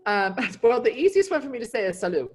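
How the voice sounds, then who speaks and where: A woman's voice: a little high, sing-song, quick pace, slightly rough. A woman from Montana learning French as a beginner over a video call, hesitant and full of ums. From Montana, United States. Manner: hesitant, many ums, laughs at her own tries. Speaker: language student. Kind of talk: online one-on-one language lesson.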